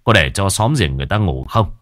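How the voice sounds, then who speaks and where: A man voicing a gruff old villager who scolds and curses angrily. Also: sits low, expressive, fairly quick, fairly bright tone, no room sound, studio quality. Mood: irritated scolding.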